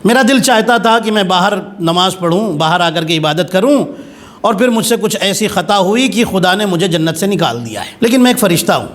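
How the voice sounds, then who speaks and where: A man's voice: high-pitched, animated, a bit bright. A man preacher voicing a deceitful male devil who pleads with false tears. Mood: wheedling. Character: deceitful male devil feigning tearful piety.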